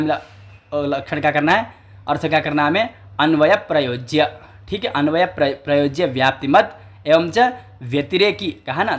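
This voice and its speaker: A man teaching a lecture on classical logic, posing questions and answering them himself, and chanting verses slowly. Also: fairly high pitch, a bit bright. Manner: slow chanting recitation of Sanskrit verses. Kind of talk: explanatory lecture.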